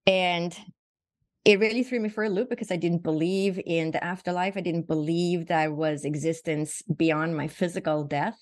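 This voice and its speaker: A Swedish physician in her sixties appears as a podcast guest, earnestly and reflectively recounting her life story in a conversational way. Her voice is lowish and steady at a moderate pace, captured in clean studio sound with no echo, and she frequently restarts and repeats words.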